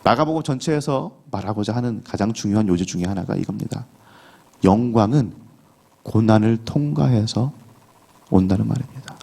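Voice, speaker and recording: A middle-aged pastor delivers an early-morning sermon in a conversational style inside a church sanctuary, voicing the people of the Bible story as he quotes them. He speaks at normal speed in a fairly low, expressive voice that's creaky and dark.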